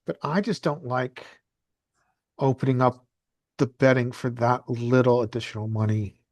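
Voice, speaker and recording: A man's voice: mid-range voice, fairly even intonation, moderate pace, darkish tone, no room sound. A man in a poker study group on a video call, making analytical points. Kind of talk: casual chat.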